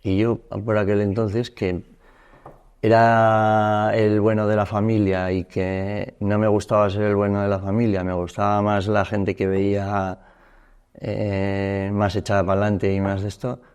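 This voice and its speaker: A man in his fifties from Spain tells his own story to an interviewer in a low, mellow voice. He speaks haltingly and keeps restarting his sentences. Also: level tone, clear, resonant tone. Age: 50s. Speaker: guest.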